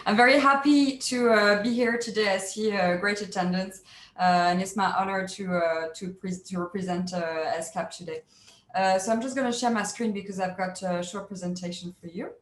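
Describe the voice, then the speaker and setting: A woman presents at an online panel, polite and lively, with frequent small fillers. Her voice comes through a video call in a roomy space with a faint background hiss and some room echo. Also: medium pitch, normal speed. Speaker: keynote speaker. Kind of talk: webinar presentation.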